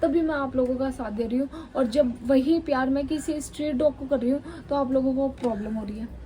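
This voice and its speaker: A woman's voice: sits high, a little fast, warm tone, a little hiss or hum, poor audio. A woman vlogger from Chandigarh, India, retelling a run-in in an indignant, emphatic storytime style. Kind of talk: storytime vlog.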